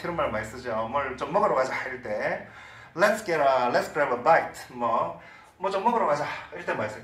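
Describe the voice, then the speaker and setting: A man with a Korean accent teaching an English reading lesson, explaining in Korean and reading English sentences slowly. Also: on the high side, a bit bright, echoey room, distant mic, low-quality recording. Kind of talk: online lecture.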